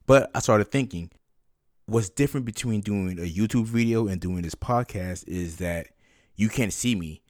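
A man's voice: fairly low pitch, normal speed, a little mellow, dry recording, clean studio sound. A man hosting a podcast, talking conversationally and instructionally, as if directly to one listener. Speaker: podcast host.

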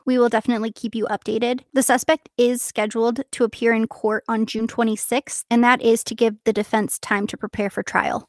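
A woman's voice: a little high, no echo, clean studio sound. A woman co-hosting a true crime podcast, talking through cases and updates in the manner of a true crime narrator.

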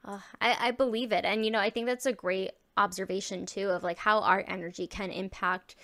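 Woman host, gravelly fry in the voice, soft and affirming, asks curious follow-ups. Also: medium pitch, fairly even intonation, brisk. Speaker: interviewer host. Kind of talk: casual interview conversation.

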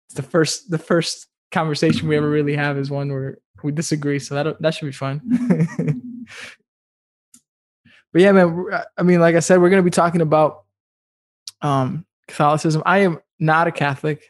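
Chatty young man hosting a podcast. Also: a little high. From Dominican Republic. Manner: chatty, laughs often, fillers like "like". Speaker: podcast host. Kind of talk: casual podcast conversation.

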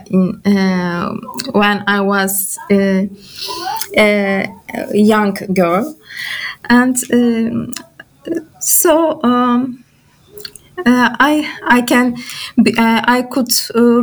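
A woman, born in Bulgaria and raised in Turkey. She answers interview questions in English, a language, with many pauses and fillers. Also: on the high side. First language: Turkish. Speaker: guest.

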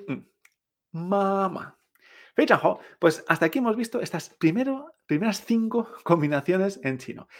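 A woman teaching Chinese pronunciation in a patient lesson, drilling tones with repeated examples and praise. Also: deep voice.

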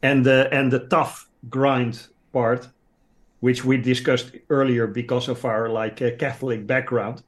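Man, native Dutch speaker, medium pitch, halting, reflective, casual conversation. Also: flat delivery. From Netherlands.

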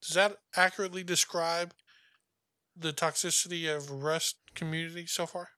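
Upbeat guy hosting a gaming podcast, bright sharp voice, dry close mic, chatty. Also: on the high side, fairly even intonation, normal speed, dry recording. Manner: chatty storyteller, acts out quotes. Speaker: podcast host. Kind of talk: casual gaming chat.

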